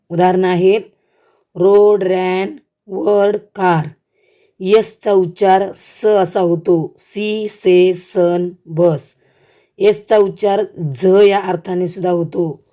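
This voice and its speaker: A woman teacher giving a school lesson on letter sounds, slow, careful and word by word. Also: lowish voice, steady tone, warm tone.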